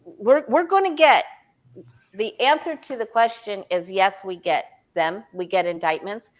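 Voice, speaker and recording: A woman reading cards in a casual group chat, expressive and exclamatory. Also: medium pitch, measured pace. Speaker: card reader.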